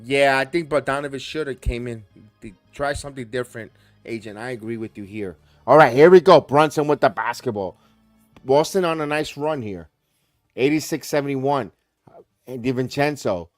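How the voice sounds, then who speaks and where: Male streamer doing play-by-play, middle pitch, dry close sound, faint music behind; punchy calls that rise on big plays. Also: dry recording. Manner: rapid play-by-play calls that rise and push on big plays, talks to chat viewers by name. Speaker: host and play-by-play caller. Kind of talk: live watch-along play-by-play commentary.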